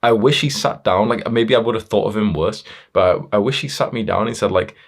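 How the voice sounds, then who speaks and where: A man with a very low voice delivers a hard-edged motivational monologue. He talks straight at the listener, swearing freely and pushing harder as he goes, tripping over fillers and restarts along the way. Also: a little fast, gravelly, slightly rough. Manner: blunt, confrontational, heavy swearing; fillers and self-restarts, building intensity. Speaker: motivational speaker.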